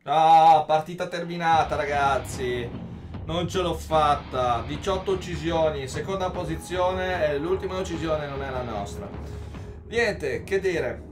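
A man commentating his own shooter gameplay, taunting opponents and breaking into excited outbursts. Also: fairly high pitch, unhurried, recorded from a distance, music in the background. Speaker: gaming YouTuber.

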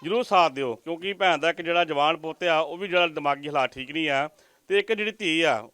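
A man's voice: fairly high pitch, quick pace, pushed and bright, clear, resonant tone. A man with a Majhi Punjabi accent reporting from a village, interviewing a poor family and earnestly pleading with viewers. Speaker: news reporter. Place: village outdoors.

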